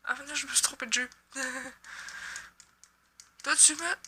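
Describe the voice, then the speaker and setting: A young Québécoise woman commenting on her game in a high, very bright voice. She chats and jokes loosely, switching into quick swearing when a move fails. A faint hiss sits under her voice. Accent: Québécois French. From Quebec. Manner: chatty, joking, swears when she misses. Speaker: gaming YouTuber. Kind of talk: casual gameplay commentary.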